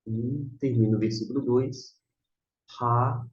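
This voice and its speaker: A warm, fairly low voice, a little slow, belongs to a Biblical Hebrew teacher with a Brazilian Portuguese accent. He gives an informal screen tutorial, repeating and sounding out words didactically. The room is echoey and muffled.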